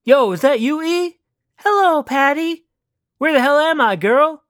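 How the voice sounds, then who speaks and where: Reader putting on a slangy chill young dude, kinda crude and grumpy, all "man" and "girl", pitched a bit up from the narration, dry close audio, no room at all. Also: expressive, a little slow, a bit bright, no room sound. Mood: alarmed. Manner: drawling street slang, calls people man and girl. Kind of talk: storybook reading.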